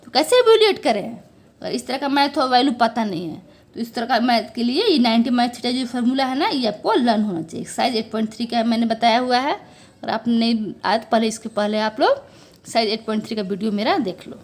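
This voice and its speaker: High, lively woman teaching maths. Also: fairly quick. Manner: coaxing, checks understanding with frequent "okay"; addresses viewers as children. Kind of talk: step-by-step classroom explanation.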